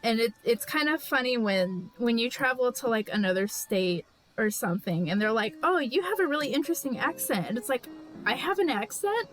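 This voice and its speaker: On a live stream, a Californian woman draws while chatting casually with viewers, rambling with plenty of fillers, restarts, and frequent "like" and "you know." Her voice is fairly high and lively in intonation, and she talks fairly quickly. Soft music plays behind her, and the recording is rough.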